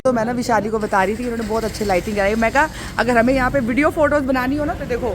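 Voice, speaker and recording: A woman's voice: on the high side, fairly even intonation, very fast, crowd noise. A woman chatting casually to her viewers in a vlog, sometimes cooing baby talk to her pets. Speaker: vlogger. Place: outdoors on a busy street, then at home.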